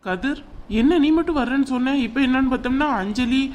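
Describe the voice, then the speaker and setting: A woman's voice: sits high, fast talker, background noise, close to an everyday voice. A woman voicing a firm but caring uncle in a cartoon family drama. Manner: firm, reassuring.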